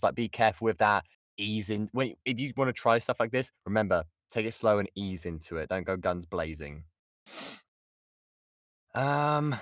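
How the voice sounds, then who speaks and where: A British voice actor gives an informal lesson on an online call, taking audience questions. His lowish voice is recorded dry and close to the mic, and he's chatty and jokey, often cutting himself off.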